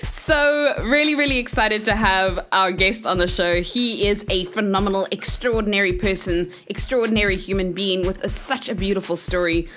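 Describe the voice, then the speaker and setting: Woman, podcast host, enthusiastic, playful, mid pitch, faint music behind. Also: normal speed, hardly any pauses, a bit bright. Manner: enthusiastic, playful, with sung asides. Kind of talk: upbeat podcast hosting.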